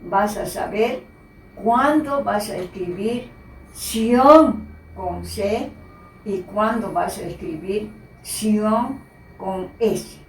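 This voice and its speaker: A woman teacher giving a slow, patient spelling lesson and repeating the key words. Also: mid-range voice, a little hiss or hum. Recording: echoey room, voice from a distance.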